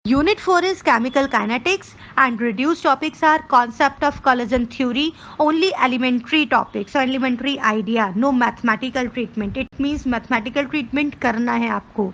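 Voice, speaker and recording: A woman's voice: high voice, drawn-out words, few pauses, fairly bright tone, muffled recording. A woman teacher with an Indian English accent, going through chemistry topics one by one, mixing Hindi and English and speaking directly to students. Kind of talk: syllabus walkthrough lesson.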